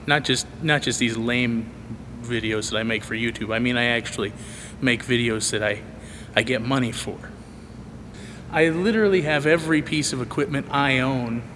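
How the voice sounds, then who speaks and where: A man giving a casual, rambling vlog tour with dry, self-deprecating humor, talking to a handheld camera. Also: medium pitch. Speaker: video producer and vlogger giving a tour. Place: large empty church auditorium at night. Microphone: handheld camera microphone. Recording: echoey large hall, clear background noise.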